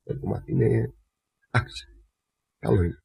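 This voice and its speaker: A man's voice: lowish voice, creaky, mellow, slightly rough, soft background music. A man from Crete, a lyra player, telling rambling family anecdotes in a casual interview. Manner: rambling anecdotal storytelling with laughs.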